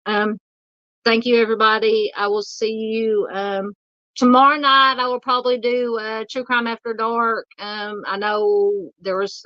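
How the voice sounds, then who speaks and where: Losing her voice, a hoarse Southern woman chats casually on her true crime livestream and reads out viewer comments. Her voice is medium-pitched and a bit bright, and she's polite but halting, with lots of fillers, on a dry, lo-fi recording.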